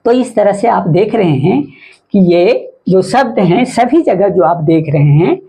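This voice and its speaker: A woman teacher explaining a phonics lesson, sounding words out slowly letter by letter and often checking with the listener. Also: medium pitch, expressive, mellow, husky, poor audio. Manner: patient, repetitive explaining with frequent "है ना" checks.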